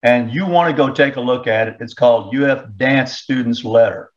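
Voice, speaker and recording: A man's voice: medium pitch, normal speed, muffled recording. A man hosting an opinion talk show, sarcastic and indignant as he reads excerpts aloud and comments on them.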